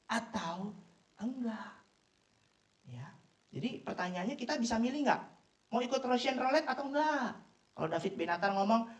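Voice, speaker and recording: Animated woman preacher in an echoey room. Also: a little high. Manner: animated and emphatic, joking asides. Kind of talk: sermon. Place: office worship room. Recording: echoey room, mic far off.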